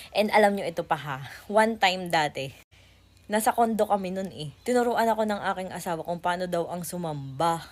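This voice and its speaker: A young adult woman with a Filipino accent, talking casually to her viewers in an animated, giggly way. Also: fairly low pitch. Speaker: vlogger. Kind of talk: casual chatty vlog in Taglish.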